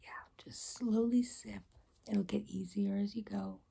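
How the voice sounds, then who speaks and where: A young woman in a whispered role-play as a caring rainbow fairy, speaking in a gentle, reassuring, breathy whisper. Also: mid-range voice, fairly even intonation, measured pace. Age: young adult. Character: caring, soft-spoken rainbow fairy guide. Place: small room indoors.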